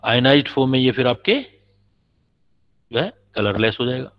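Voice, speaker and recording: A man's voice: medium pitch, fairly even intonation, normal speed. A man teaching a chemistry class, patiently explaining and quizzing his students. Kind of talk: classroom lecture. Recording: dull lo-fi recording.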